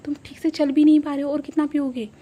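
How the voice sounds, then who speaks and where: Woman voicing a curt protective guy, firm short lines, soft dark voice. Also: high voice, flat delivery, quick pace, pitched above the performer's own voice, natural voice. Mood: stern. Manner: terse, firm commands. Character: stern, reserved young man, curt and protective.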